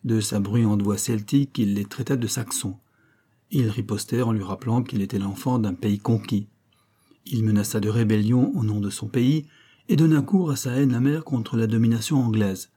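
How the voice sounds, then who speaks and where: A man narrates a classic novel at a measured, steady pace. His voice is husky and mellow, with a darker, soft tone. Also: lowish voice. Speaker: audiobook reader.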